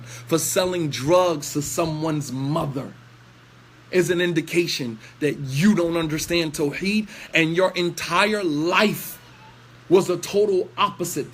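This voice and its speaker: A man with a high-pitched voice preaches with force, scolding his listeners through pointed rhetorical questions. He tells the story in plain lecture style and slips in recited Arabic phrases. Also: slightly rough.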